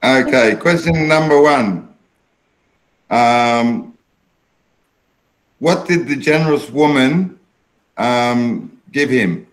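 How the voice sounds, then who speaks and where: An Australian man judging a contest over a video call, asking questions slowly and praising each answer. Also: medium pitch, low-quality recording. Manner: slow, encouraging, praises answers warmly. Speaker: competition judge.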